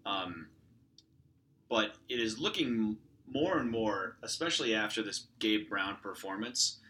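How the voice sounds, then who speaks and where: A man's voice: fairly low pitch, lively intonation, a little slow, sharp tone. A man co-hosting a sports podcast, breaking down a team's rotation in casual chat with frequent fillers. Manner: analytical, lots of hedging fillers. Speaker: podcast co-host.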